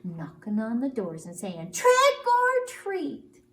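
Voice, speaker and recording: A woman voicing an eager, mischievous little male bat in a drawn-out nursery-rhyme chant. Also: on the high side, wildly swooping pitch, a bit bright, exaggerated voice. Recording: roomy, distant mic, faint noise.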